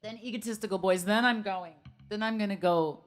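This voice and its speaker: Woman, musician, live-stream chat, self-deprecating, laughs a lot, mid pitch, dry close sound. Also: brisk, no room sound. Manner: chatty and self-deprecating, thinking aloud, laughs often.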